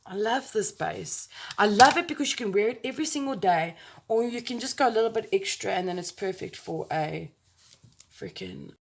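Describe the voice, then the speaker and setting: A woman's voice: medium pitch, animated, moderate pace, vocal fry, a little hiss or hum. Chatty South African woman, playful and rambling. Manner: chatty, rambling, playful with exclamations and sound words. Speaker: makeup tutorial host. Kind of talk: casual chatty makeup tutorial to camera. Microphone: phone camera, close up.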